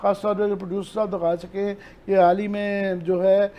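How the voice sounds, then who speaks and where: A man's voice: high voice, flat delivery, muffled recording. A man with a Pakistani Urdu accent, explaining events earnestly as an analyst on a news talk show and mixing in English terms. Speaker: political analyst.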